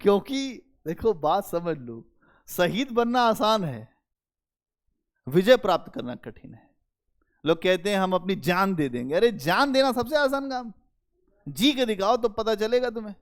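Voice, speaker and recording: A male history teacher giving a lively, conversational classroom lecture and talking straight to his students. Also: high voice, measured pace. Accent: Hindi-speaking North Indian. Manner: animated, conversational, addresses students directly.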